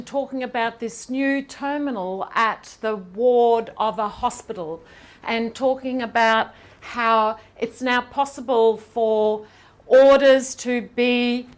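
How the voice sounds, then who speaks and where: A woman professor talks through a seminar lecture in a hall, her voice sitting a little high. She moves between explanation and quick asides to the listeners. She keeps it conversational. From Ireland. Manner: lively, quick asides, laughs with the audience. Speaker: university professor giving a seminar. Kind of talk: lecture with audience questions.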